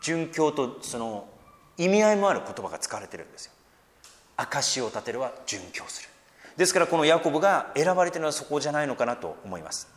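A man delivers a sermon with a lively, expressive voice that swings up and down and rises sharply when he quotes. He mixes earnest teaching with gentle joking asides. The sound carries a long, ringing church-hall reverb. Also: a little high, quick pace. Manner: animated preaching, raising his voice for quoted words. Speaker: pastor.

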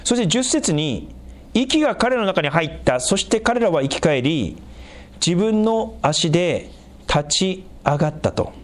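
A middle-aged man preaching a sermon as a pastor, explaining scripture in an animated way and making small jokes with the congregation. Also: measured pace. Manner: animated, raises pitch for emphasis and quoted lines, jokes with the congregation.

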